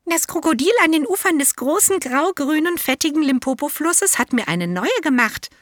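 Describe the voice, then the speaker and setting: A woman's voice: high voice, lively intonation, normal speed, a bit bright, no room sound, clean studio sound, pitched above the performer's own voice. A woman voicing a young, curious and polite elephant calf in a storybook, eager and childlike.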